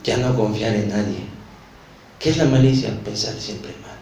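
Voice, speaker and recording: A man's voice: fairly low pitch, moderate pace, a little mellow, slight background noise. A man with a Mexican accent teaching a Bible study, earnest and confessional, speaking straight to the listener. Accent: Mexican Spanish. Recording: roomy echo.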